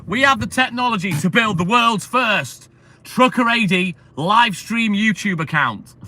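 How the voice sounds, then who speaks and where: A man's voice: sits high, lively intonation, a little slow, sharp tone. A man chatting casually and upbeat on a live stream, slangy and laughing often.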